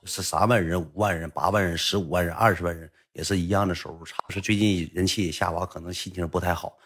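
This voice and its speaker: Brief: a man playing a calm young wife, low, husky, hushed. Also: fast. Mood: soothing. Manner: quiet, gentle, explaining. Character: soft-spoken pregnant young wife, calm and soothing.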